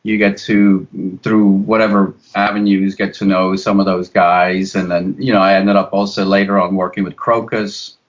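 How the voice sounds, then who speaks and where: A man's voice: low-pitched, level tone, moderate pace, hardly any pauses. Swiss man in his fifties, lo-fi. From Switzerland. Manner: rambling, frequent restarts and stammers. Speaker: guest, graphic designer. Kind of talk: casual interview.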